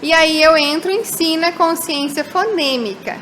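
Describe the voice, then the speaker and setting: A Brazilian woman with a high, light voice gives a recorded lesson. She explains each point step by step and often checks in with her listeners. A faint hiss sits under the recording. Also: moderate pace, fairly bright tone, rough recording. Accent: Brazilian Portuguese. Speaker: teacher. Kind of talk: recorded lesson on phonological awareness.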